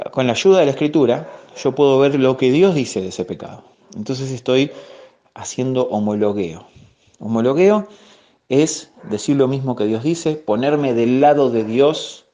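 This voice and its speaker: A man with a Rioplatense Spanish accent teaching a Bible class, explaining slowly, repeating key words and pausing on fillers. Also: mid-range voice, mellow. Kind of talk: recorded theology class. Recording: muffled lo-fi audio.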